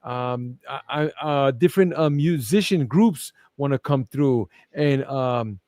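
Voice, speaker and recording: A man's voice: medium pitch, slow pace, a little mellow, dry recording, clean studio sound. Casual man with a Brooklyn accent. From Brooklyn, New York. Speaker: guest, festival organizer. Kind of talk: casual promotional interview chat.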